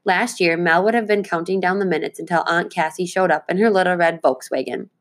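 A woman teacher reading a children's book aloud to her class, with clear, expressive delivery. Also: fairly low pitch, brisk.

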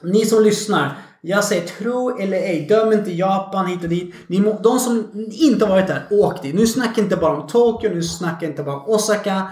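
High-voiced man in an echoey room. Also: hardly any pauses. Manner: animated storyteller, swears freely, acts out other voices. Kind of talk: casual podcast chat.

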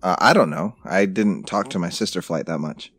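A man's voice: sits low, moderate pace, fairly bright tone, breathy edge, no room sound, clean studio sound. A man from Arizona, a podcast co-host, telling a story in casual, profane, blunt chat. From Arizona, USA.

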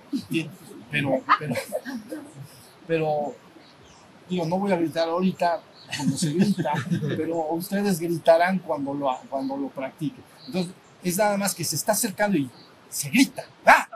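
Over a steady background rumble and noise, a man who teaches spiritual retreats gives an informal lecture. He speaks conversationally with frequent restarts, checks in with his listeners, and acts out sounds.

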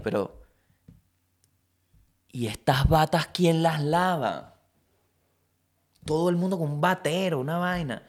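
Young man, comedy podcast host, rambling monologue, swearing, fairly high voice. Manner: swears freely, acts out quotes in jumpy voices. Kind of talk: comic monologue.

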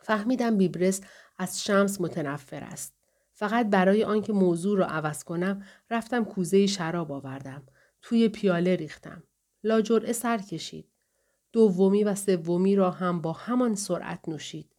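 A woman reading a novel aloud in the first person, calm, measured and somber. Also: medium pitch. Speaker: audiobook narrator.

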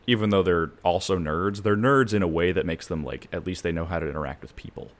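A man with a very low voice talks through casual comedic podcast chat. He is blunt and swears freely, drifting into stories and opinions. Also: fast talker. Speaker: podcast co-host.

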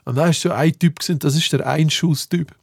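A man with a Swiss German accent tells stories in a relaxed chat, laughing often and quoting people. His voice is a little high with a gravelly edge, and the recording is dry and close. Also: fast talker, dry recording. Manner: laughing storyteller, animated quoting. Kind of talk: casual chat.

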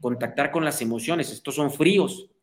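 A man's voice: a little high, normal speed. Man explaining like a teacher. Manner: didactic, asks "¿sí?" for agreement, acts out quoted people. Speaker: guest psychologist and coach. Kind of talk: explanatory interview talk.

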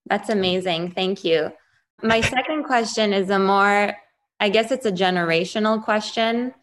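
A woman's voice: mid-range voice, normal speed, a bit bright, rough recording. A woman putting questions to a guest in a conversational interview style.

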